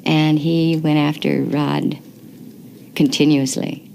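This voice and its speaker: A woman's voice: sits low, level tone, drawn-out words, gravelly, noisy background. A woman, an actress recalling a film shoot in an archive interview, reminiscing fondly and chattily.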